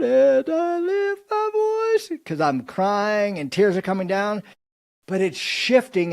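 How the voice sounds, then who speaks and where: A man speaking as a podcast guest, earnestly explaining a faith framework in an animated, preaching style. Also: on the high side. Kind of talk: faith-based podcast conversation.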